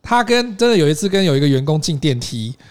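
Man, Taiwanese Mandarin accent, co-host, casual chat, rapid delivery, animated storytelling. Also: fairly high pitch, smooth. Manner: animated storytelling with frequent tag questions. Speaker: podcast co-host.

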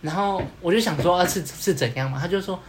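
A man's voice: sits high, fast talker, a little hiss or hum. A man co-hosting a podcast in casual chat, rambling and often repeating himself. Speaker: podcast co-host.

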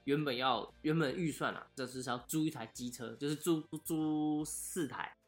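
A man's voice: fairly high pitch, moderate pace, faint music behind. A man, co-hosting a casual podcast chat, chatty and self-mocking. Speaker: podcast co-host.

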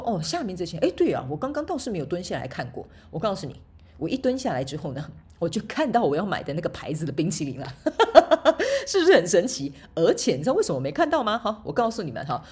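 A woman's voice: medium pitch, darkish tone, slightly rough. A woman hosting a casual solo podcast, telling stories in a chatty way and laughing often. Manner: chatty storytelling, laughs often, tag particles. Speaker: podcast host and motivational speaker.

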